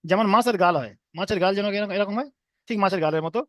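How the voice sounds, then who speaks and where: A man's voice: sits high, rapid-fire, no room sound. A man teaching an online class, patiently repeating and drilling each letter sound for his students.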